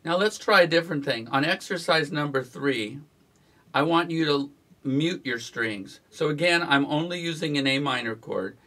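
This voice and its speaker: A man teaching guitar strumming in a relaxed, instructional way, counting the beats aloud as he plays. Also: a little high, normal speed. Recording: guitar playing behind the voice.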